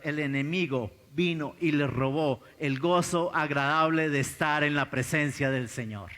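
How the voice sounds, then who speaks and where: A male pastor with a Colombian accent delivers a sermon in a fairly high voice. He swings from loud, pressing exclamations to low, intense asides. The live recording carries a long reverb from the church hall. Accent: Colombian Spanish.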